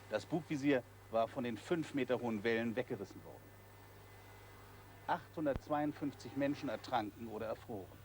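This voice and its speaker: A man's voice: mid-range voice, a little mellow. A man reading scripted television documentary narration in short, clipped phrases. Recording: faint background noise.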